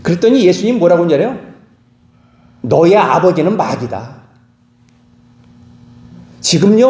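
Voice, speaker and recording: A man's voice: high voice, dark tone, echoey room. A Korean man preaching a sermon as pastor, acting out quoted dialogue with dramatic swings. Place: church sanctuary.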